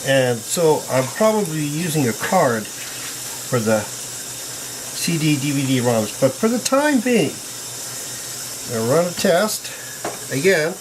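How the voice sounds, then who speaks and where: An older man narrating a hands-on computer repair in a casual, folksy, chatty way, with bursts of excitement. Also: a little high, takes it slowly, pauses often, background noise. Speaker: PC repair hobbyist.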